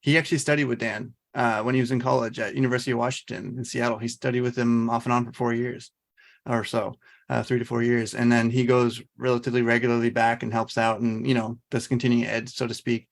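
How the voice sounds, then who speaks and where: A man's voice: medium pitch, little pitch movement, fast talker, vocal fry. A man from Oregon hosting a podcast, casual and laid-back, affirming his guest often. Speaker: podcast host. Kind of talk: casual chat.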